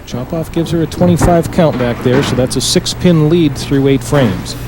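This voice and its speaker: A man giving measured, analytical bowling commentary in the restrained manner of a golf commentator. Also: a little high. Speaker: five-pin bowling colour commentator. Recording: noisy bowling alley broadcast.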